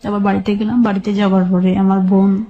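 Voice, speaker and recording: In an interview, a woman with a Bangladeshi accent tells the story of her life in a dark, soft-edged voice of ordinary female pitch and a level tone. She recounts events step by step in halting detail, often repeating a phrase, and the high frequencies are cut off.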